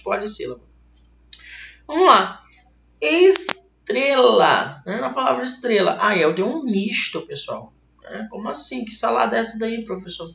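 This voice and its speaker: Brazilian male teacher, gravelly and roomy. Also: high-pitched. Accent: Brazilian Portuguese. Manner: lively, asks questions and answers them himself. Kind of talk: online grammar lesson. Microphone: laptop mic. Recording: roomy, dull lo-fi webcam audio.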